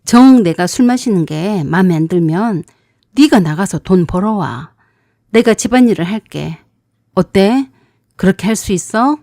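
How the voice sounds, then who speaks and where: A woman's voice: mid-range voice, animated, normal speed, warm tone, no echo, studio quality, close to an everyday voice. A woman voicing a drunken, abusive middle-aged husband who scolds and barks questions. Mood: defiant.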